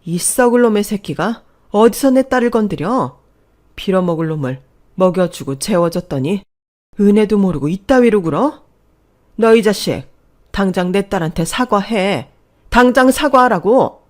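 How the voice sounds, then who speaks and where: A woman voicing a fierce mother who yells and curses to defend her daughter. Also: medium pitch, lively intonation, moderate pace, voice pushed up, close to an everyday voice. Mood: furious. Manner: yelling, cursing.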